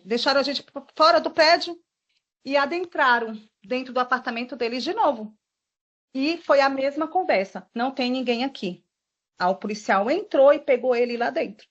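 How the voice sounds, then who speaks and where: Brief: woman, high voice, testifying, emotional rushed retelling, dull lo-fi audio. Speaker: witness giving testimony. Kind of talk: recounting events in a formal statement. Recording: dull lo-fi recording.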